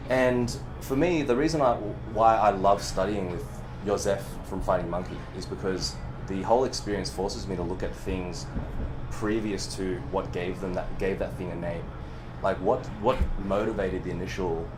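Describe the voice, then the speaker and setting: A movement coach whose first language is Cantonese talks animatedly in a casual podcast interview, often restarting his sentences and letting slip the odd swear word. His voice is low and his pace moderate, heard over music with poor audio quality.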